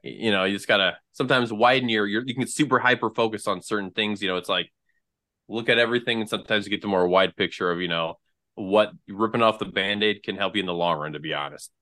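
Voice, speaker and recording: Bright-voiced man, chatty and rambling. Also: lowish voice, fast. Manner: chatty and rambling, many fillers and restarts. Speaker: trade news guest. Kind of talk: casual podcast chat.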